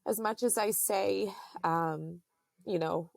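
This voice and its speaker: A woman in her thirties, a podcast guest, telling a personal story in a halting, earnest way with many fillers. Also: mid-range voice, vocal fry, no echo, studio quality.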